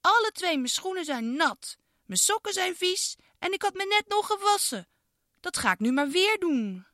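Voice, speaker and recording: Woman doing a cross, high-voiced little girl. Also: very animated, moderate pace, pushed and bright, no room sound, clean studio sound, full character voice. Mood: complaining. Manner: high, complaining child's voice. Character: cross young girl, fussy and indignant.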